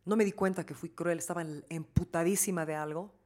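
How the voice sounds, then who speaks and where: A woman with a Bolivian Spanish accent speaks in a somewhat low voice, chatting casually. Her storytelling is candid and loose, full of restarts and fillers. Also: steady tone, brisk, darkish tone. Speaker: guest. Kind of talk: casual chat.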